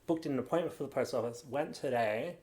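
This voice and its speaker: Very deep-voiced woman. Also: brisk, darkish tone. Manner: chatty, rambling storytelling. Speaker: co-host. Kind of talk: casual podcast chat.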